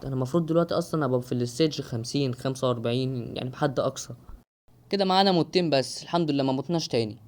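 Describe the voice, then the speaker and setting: A man's voice: mid-range voice, racing, a little mellow. A young man with an Egyptian Arabic accent giving live gameplay commentary, exclaiming and joking to his viewers. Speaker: gaming YouTuber.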